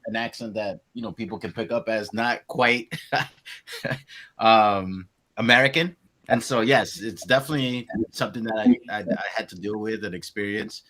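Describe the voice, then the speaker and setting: This Colombian podcast guest in his forties has a fairly low yet fairly bright voice and a Spanish-inflected accent. Chatting in a relaxed long-form conversation, he turns reflective and often gropes for the right words.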